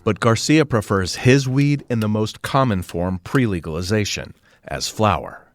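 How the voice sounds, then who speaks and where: A man with a very low voice narrates a scripted feature report. The sound is dry and close. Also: animated, normal speed, no echo.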